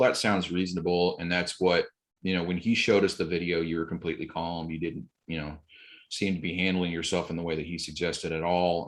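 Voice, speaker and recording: A man telling stories in a relaxed podcast chat, acting out quoted exchanges with bursts of energy. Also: low-pitched. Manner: animated retelling, acts out quotes, occasional laughs. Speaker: podcast guest. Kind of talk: casual storytelling.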